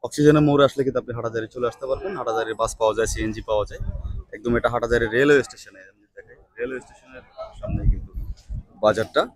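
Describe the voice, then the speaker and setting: A man hosts a market vlog outdoors, speaking slowly and softly as he haggles with sellers and talks to viewers. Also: medium pitch, no room sound. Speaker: market vlogger host. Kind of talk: walking vlog, bargaining and addressing viewers.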